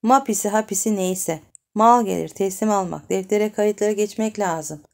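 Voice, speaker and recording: A woman's voice: medium pitch, moderate pace, creaky, close to an everyday voice. A woman voicing a coarse, uneducated rich man who is cheerful, a little drunk and mangles his words. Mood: matter-of-fact. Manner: crude, clumsy speech full of mispronounced words.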